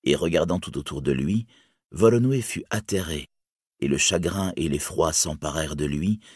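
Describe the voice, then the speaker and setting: A man reads an epic tale aloud in a solemn, deliberate audiobook style. His voice sits extremely low and has a husky grain. The recording is close and dry, with no room sound. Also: darkish tone, dry recording. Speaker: narrator.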